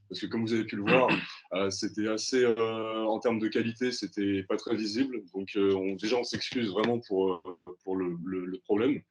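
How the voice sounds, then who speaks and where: A young man hosting a student webinar, talking in an apologetic, hesitant way. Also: on the low side. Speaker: student host.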